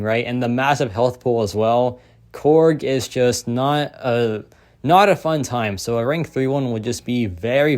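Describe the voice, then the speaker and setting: A man's voice: medium pitch, darkish tone. A young man giving casual, enthusiastic commentary on a mobile game, full of fillers, his voice wearing thin. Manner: enthusiastic, heavy use of "like" and "so yeah". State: losing his voice. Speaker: gaming content creator.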